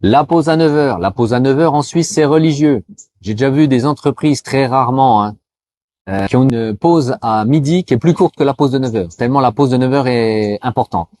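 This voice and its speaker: Talking to the viewer as "tu," this French vlogger gives cross-border workers casual explanations peppered with "euh" fillers. When he reaches the mini language lesson, he slows to spell out greetings and show how they're pronounced. His voice is medium-pitched with a darkish tone.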